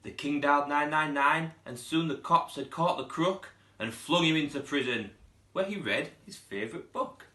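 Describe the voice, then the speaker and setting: A man's voice: a little high, normal speed, reverberant. A man, a primary school teacher reading a children's storybook aloud expressively. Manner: expressive, putting on character voices.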